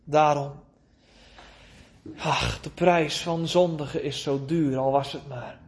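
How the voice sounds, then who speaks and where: A man preaching a sermon, pleading with his listeners and drawing out words between long pauses. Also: fairly high pitch, fairly even intonation.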